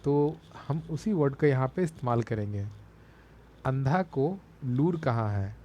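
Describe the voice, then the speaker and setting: A man's voice: mid-range voice, expressive, measured pace, dark tone. A man with a Bihari Hindi accent, teaching exam memory tricks and repeating key words as he explains. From Bihar, India.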